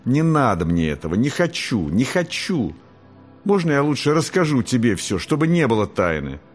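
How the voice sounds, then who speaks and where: A man voicing a lively young angel girl in an audiobook, his voice raised high and quick to protest. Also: soft background music. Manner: excited and protesting.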